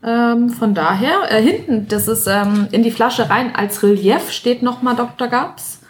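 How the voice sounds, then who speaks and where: A woman's voice: on the high side, measured pace. A woman reviewing a beer bottle in a casual podcast chat, hesitant, with many fillers.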